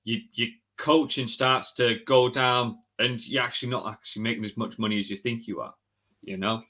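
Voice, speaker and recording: A man hosting a live session for coaches, chatty and energetic, calling viewers mate and guys. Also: mid-range voice, normal speed. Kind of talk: casual live-stream talk to viewers.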